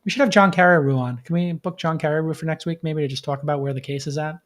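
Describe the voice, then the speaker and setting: A man's voice: a little high, quick pace. A man hosting a podcast with off-the-cuff startup commentary, talking like an emphatic tech bro who repeats phrases for stress and leans on jargon. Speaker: podcast host.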